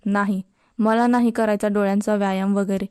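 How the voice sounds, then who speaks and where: A woman's voice: mid-range voice, level tone, a little fast, mellow, clear, resonant tone, no room sound, clean studio sound, lightly acted. A woman voicing an easygoing, supportive young male college student.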